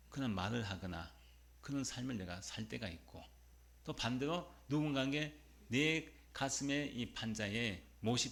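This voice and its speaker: A man's voice: medium pitch, creaky, fairly bright tone. A male pastor preaching a Sunday sermon, telling a story and asking the congregation rhetorical questions.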